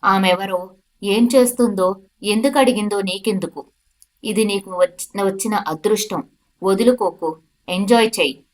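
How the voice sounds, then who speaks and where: A woman's voice: mid-range voice, unhurried, long pauses, lightly acted. A woman voicing a scornful prison jailer. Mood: mocking. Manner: mocking, then commanding. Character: scornful male prison jailer, middle-aged. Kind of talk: storytelling.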